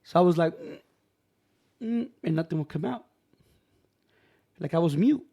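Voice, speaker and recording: A man telling a personal story on a podcast in loose, casual speech, with a voice pitched a bit higher than most men's. He keeps it animated, playing out what other people said and calling his listener "bro" and "man.". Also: fairly quick, creaky, husky. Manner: animated, acts out quoted voices, says "bro" and "man" often.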